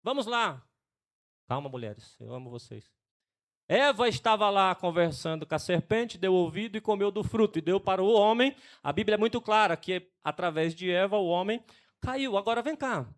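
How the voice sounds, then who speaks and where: A man with a Brazilian Portuguese accent preaching a sermon, swinging between loud emphatic declarations and quiet asides to the congregation. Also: high voice, lively intonation, moderate pace. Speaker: pastor. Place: church.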